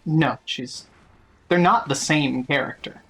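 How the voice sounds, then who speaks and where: Casting: casual game streamer, mid-range husky voice, offhand muttered commentary. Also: medium pitch, takes it slowly, a bit bright, faint music behind, low-quality recording.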